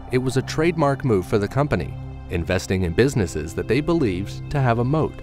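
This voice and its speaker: A man narrates a documentary in a measured, explanatory way, his voice sitting on the low side. Background music plays clearly under him. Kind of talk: scripted narration.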